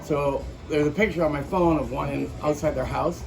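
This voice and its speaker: A man's voice: fairly high pitch, normal speed, creaky, poor audio. Rambling storyteller man, music behind. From Minnesota. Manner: rambling, swears casually, drops into quoted voices. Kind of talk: casual storytelling chat.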